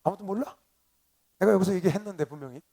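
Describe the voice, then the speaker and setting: Pastor, male, high-pitched; sermon delivery, leads call-and-response, jumps from loud to hushed. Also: quick pace, vocal fry, husky. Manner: emphatic, swings between loud exclamations and quiet asides. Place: convention hall seminar.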